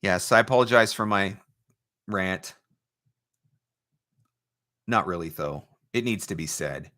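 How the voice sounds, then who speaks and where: A deep-voiced man, animated yet slow, with a bright and forceful tone, hosts a live Q&A advice talk. Working as a voice-over marketing coach, he speaks emphatically and poses rhetorical questions.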